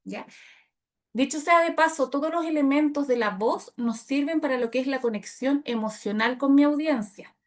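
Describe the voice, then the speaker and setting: Expressive woman coaching speakers. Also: sits high, moderate pace. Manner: expressive, demonstrates loud and soft delivery. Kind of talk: workshop talk to women.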